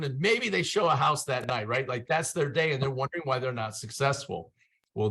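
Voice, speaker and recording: A man's voice: on the high side, fairly bright tone. A middle-aged man from Ohio hosting an online meeting, upbeat, folksy and joking, talking over a video call. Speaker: webinar host.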